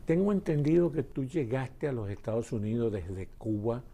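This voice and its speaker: A man hosting a television interview, introducing his guest and prompting her with lively questions. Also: medium pitch, moderate pace, vocal fry. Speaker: TV host.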